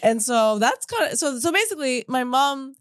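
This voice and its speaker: With a high, sing-song voice that rings clear and resonant, a Japan-raised woman in her thirties spins meandering, self-interrupting anecdotes at a moderate pace, laughing frequently. She's a comedian guest in a casual studio podcast conversation, recorded at studio quality without echo.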